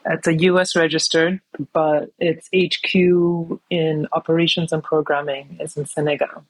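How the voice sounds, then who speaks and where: A New York City woman guests on a podcast, speaking reflectively and thoughtfully in a casual interview, often saying "you know." Her voice is deep and flat at a moderate pace, on a rough recording with no echo.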